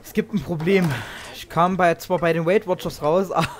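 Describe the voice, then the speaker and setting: Male wrestling commentator with a high voice, sarcastic and joking, mock-indignant. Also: moderate pace, crowd noise.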